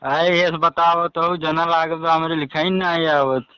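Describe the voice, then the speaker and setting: High-voiced rustic man, eastern Uttar Pradesh accent. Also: fairly even intonation, a little slow, sharp tone, slight background noise. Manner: rustic, insistent, repetitive. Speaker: telecom customer on a support call. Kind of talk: casual phone conversation. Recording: dull, dry phone recording.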